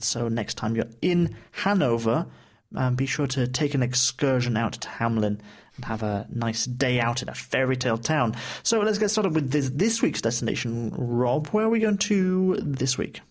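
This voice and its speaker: A man co-hosts a relaxed travel chat show, talking in a loose, playful way. He fills his pauses with ums and uhs and plays around with words. His voice sits at an ordinary middle pitch. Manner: chatty, playful with words, many fillers. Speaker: co-host. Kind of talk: casual podcast chat.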